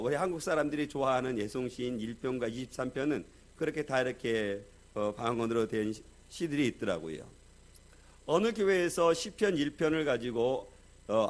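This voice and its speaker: A male pastor preaching a sermon in a soft-spoken, conversational way. He uses many fillers and lets his sentences trail off quietly. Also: a little high.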